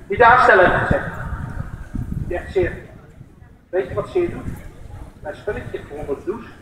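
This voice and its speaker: A man reading aloud and voicing a cruel, mocking father who talks in short, scornful orders, heard over an echoing outdoor loudspeaker. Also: high-pitched, expressive, unhurried, slight background noise. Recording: echoey outdoor PA sound.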